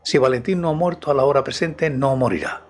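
A grave, mysterious nobleman who speaks with calm authority and measured solemnity, as a male narrator puts him on. His lines come steady and commanding, like a man who never doubts himself, in a storybook reading. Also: mid-range voice, soft background music, natural voice.

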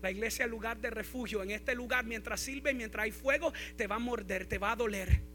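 A man's voice: high voice, fairly quick, a bit bright, slight background noise. A male pastor preaching a sermon, repeating key phrases and building in intensity.

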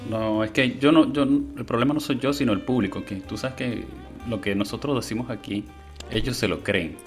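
A man's voice: medium pitch, a little fast, soft background music. A man co-hosting a comedic radio show, teasing his partner. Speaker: radio co-host.

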